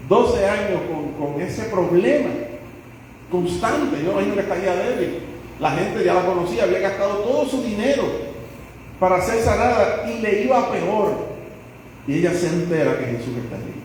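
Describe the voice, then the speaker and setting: A man's voice: high voice, animated, moderate pace, darkish tone, a little hiss or hum. A man preaching a sermon as pastor, telling the stories dramatically and acting out the people in them. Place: church sanctuary. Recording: echoey church hall, voice from far off.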